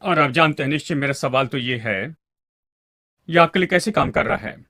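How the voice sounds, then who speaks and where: A man's voice: a little high, animated, normal speed, pushed and bright, dry recording, studio quality. A man preaching a sermon to a congregation and calling for amens along the way.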